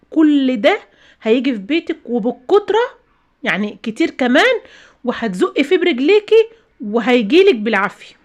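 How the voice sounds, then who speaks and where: A woman with an Egyptian accent hosting her own channel, giving emphatic, preachy advice to viewers in a casual way and often repeating her phrases. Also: fairly high pitch. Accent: Egyptian Arabic. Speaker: channel host.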